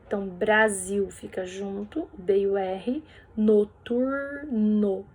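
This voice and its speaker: In a recorded lesson, a woman teacher goes over workbook answers with a medium-pitched, mellow, slightly breathy voice. She explains patiently step by step and checks in with tag questions.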